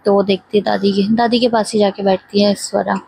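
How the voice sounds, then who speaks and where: A woman's voice: mid-range voice, little pitch movement, a little fast, creaky, dark tone, slight background noise, low-quality recording. A woman casually recapping the plot of a series, chatty and loose, linking every line with "so she says". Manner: chatty, strings the story together with repeated "so she says". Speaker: storyteller recapping a web series. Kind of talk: casual spoken story recap.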